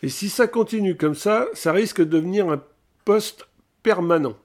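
A man's voice: high voice, moderate pace, pitched above the performer's own voice, lightly acted. A man reading aloud, voicing a woman TV reporter who answers in a dry, morose, reluctant way.

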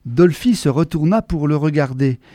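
A man narrates a story aloud in a measured, expressive way. His voice sits high for a man. The recording is dry and close, with no room sound. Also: dry recording.

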